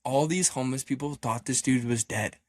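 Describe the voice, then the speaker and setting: A man's voice: medium pitch, a little fast, dry recording. Laughing man telling a story, dry sound. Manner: animated, swears freely, laughs often, acts out quoted lines. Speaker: running team member telling a story. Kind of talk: casual podcast storytelling.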